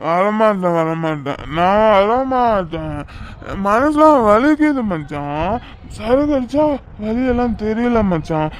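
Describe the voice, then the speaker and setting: A man's voice: sits high, lively intonation, slow pace. Giggly drunk lovesick young man, a man voicing him. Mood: maudlin. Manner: slurred, rambling, giggling drunk talk. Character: drunk lovesick young businessman, rambling and maudlin. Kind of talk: cartoon voice acting.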